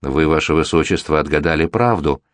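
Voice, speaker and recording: A man's voice: a bass voice, brisk, no room sound. A man voicing a virtuous young bride-to-be who pleads with a prince. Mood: earnest.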